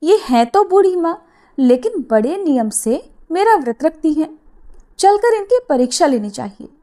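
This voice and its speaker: A calm, watchful goddess muses in a high, measured voice, as a woman narrator puts her on. She is a divine figure in a devotional story. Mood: musing. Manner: musing, measured.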